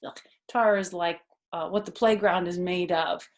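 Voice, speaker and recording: Her voice is on the low side and a little slow as she reads aloud to the children in the living room. This grandmother in her fifties reads expressively, sprinkling in simple asides, explaining words plainly, and asking her listeners questions.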